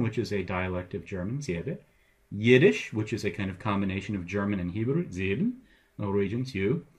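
A man, middle-aged, giving a playful, animated recorded lecture, reading out word lists with jokes along the way. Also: fairly low pitch, breathy edge. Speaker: teacher.

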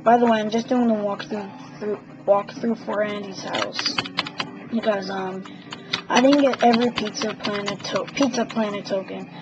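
A woman's voice: medium pitch, fairly even intonation, moderate pace, noisy background. A young woman giving rambling, casual commentary while playing a video game, wandering into chatty asides. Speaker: gamer. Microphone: camera filming a TV screen. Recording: dull lo-fi home video with game music. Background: game music.

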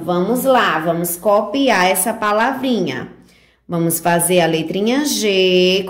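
A woman teaching a remote handwriting lesson to preschool children, guiding each letter stroke in a slow, sing-song teacher voice full of diminutives. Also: mid-range voice. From Brazil.

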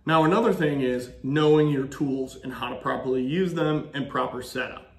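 A man's voice: medium pitch, moderate pace. A man in his thirties giving practical shop tips in a casual how-to style, with joking asides. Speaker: woodworking channel host. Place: home woodworking shop, indoors. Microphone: camera-mounted, filmed at arm's length and from a tripod. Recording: echoey shop room.

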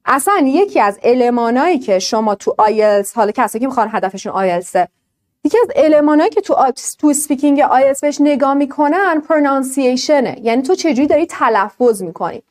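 A woman with a high, bright-sounding voice leads an online lesson, speaking to her students as an English teacher. Her pitch swings widely as she explains and quizzes them, keeping the delivery animated. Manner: lively, explains with questions to students.

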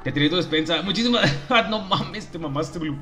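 A young man with a Mexican accent, livestreaming a game and chatting loosely with his viewers in slang. His voice sits a little high and sounds bright and forward. Faint game music plays under him. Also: lively intonation, normal speed. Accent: Mexican Spanish. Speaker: gaming streamer. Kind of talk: casual livestream chat while gaming.

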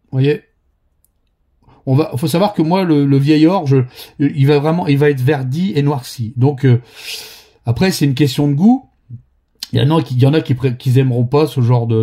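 A man with a northern French Ch'ti accent talks viewers through a miniature painting tutorial. He rambles and restarts often but stays friendly and direct. His voice is mellow and a little husky. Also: medium pitch. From northern France. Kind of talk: casual spoken painting tutorial.

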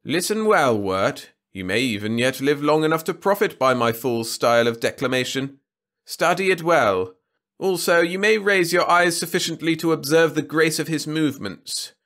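A man voicing a haughty male alien emperor who speaks in a slow, commanding manner. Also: on the high side, lively intonation, fairly bright tone, voice pushed up. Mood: imperious. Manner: haughty, commanding, drawn-out delivery.

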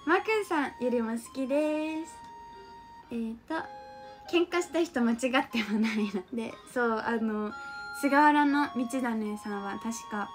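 くすくす笑う高い声の若い女性配信者. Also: female voice, a little high, measured pace, soft background music. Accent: mixed Kansai and Kanto intonation. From Japan. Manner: giggly, chatty, reads out comments and teases viewers. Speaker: streamer reading chat comments. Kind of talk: casual live-stream chat.

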